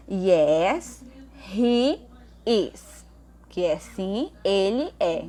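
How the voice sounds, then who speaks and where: A woman's voice: mid-range voice, darkish tone, a little hiss or hum. A woman English teacher with a Brazilian Portuguese accent, explaining grammar in a remote lesson and checking in often with "ok?" and "tá?". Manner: slows down to read English examples aloud.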